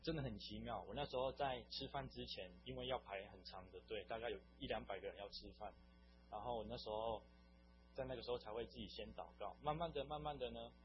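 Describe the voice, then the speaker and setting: A man's voice: mid-range voice, fast, faint music behind. A young man giving an earnest, meandering personal faith testimony. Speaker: testimony speaker. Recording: dull lo-fi recording with faint hum.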